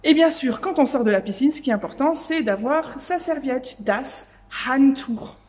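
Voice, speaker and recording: A young woman gives a casual German lesson while seated beside a swimming pool. She talks in a friendly, chatty way and slows right down to say each new word clearly. Faint ambient sound hums behind her. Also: high-pitched, expressive, a little mellow, a little hiss or hum. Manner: chatty, spells out German words slowly. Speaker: German language teacher. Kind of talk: casual teaching video.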